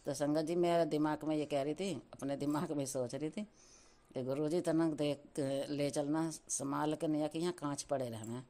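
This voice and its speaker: Her tone steady and dark and her pitch low, this middle-aged woman speaks at a normal speed. She is giving a devotional testimony, turning to her listeners again and again and chanting thanks. Her Hindi carries Punjabi-flavoured devotional terms.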